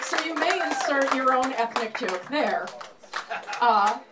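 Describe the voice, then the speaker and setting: A woman performing live sideshow patter as a sword swallower, telling her story with self-deprecating humor and showman-like announcements with dramatic pauses. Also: sits high, expressive, noisy background. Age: 30s or older. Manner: self-deprecating, wry comic delivery. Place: live stage show before an audience.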